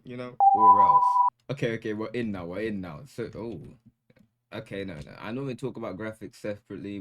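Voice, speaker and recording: A man's voice: on the low side, a bit bright. A young man giving casual, joking gameplay commentary as a gaming YouTuber, hyped and full of slang.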